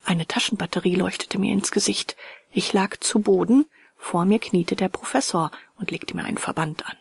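A woman narrating a dramatic story aloud, often dropping to a hushed whisper. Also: mid-range voice, normal speed, gravelly, breathy edge, no echo. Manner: dramatic, shifts between hushed whisper and raised calls. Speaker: audiobook reader.

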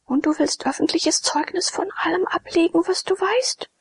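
A woman's voice: very high-pitched, moderate pace, in a whisper, pitched above the performer's own voice. A woman voicing a desperate male priest locked in a cellar, pleading and then swearing revenge. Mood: vengeful.

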